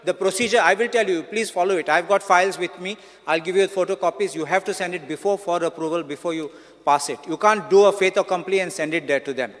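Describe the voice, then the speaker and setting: Insistent legislator raising objections. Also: male voice, sits high, fairly bright tone. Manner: argumentative legal objections, measured and insistent. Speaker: opposition legislator and advocate. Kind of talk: legislative debate. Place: legislative assembly hall. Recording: long hall reverb.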